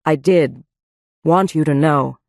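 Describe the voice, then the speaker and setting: A woman's voice: low-pitched, slow pace, vocal fry, darkish tone, no echo, studio quality, heavily acted. Woman reading a terse, guarded man. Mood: halting. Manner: terse, careful with words. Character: Kusanagi Jones, a guarded, terse adult man.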